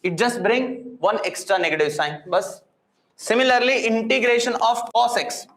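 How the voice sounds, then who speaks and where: A man's voice: very high voice, moderate pace, fairly bright tone. A man with an Indian accent teaching a live class, speaking emphatically, repeating key points and answering his own questions. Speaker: physics and maths teacher. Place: indoor room with echo. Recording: echoey room.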